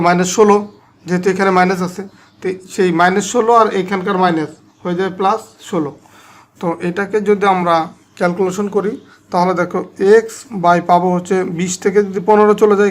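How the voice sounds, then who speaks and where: A man teaching a math lesson step by step, speaking directly to his students in Bangladeshi Bengali. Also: sits high.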